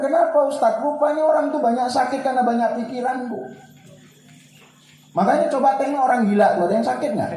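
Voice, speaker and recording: Male preacher, high mellow voice, jokey crowd-pleasing sermon, booming hall echo. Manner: jokey, keeps addressing the audience directly. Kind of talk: humorous religious lecture. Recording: very echoey hall.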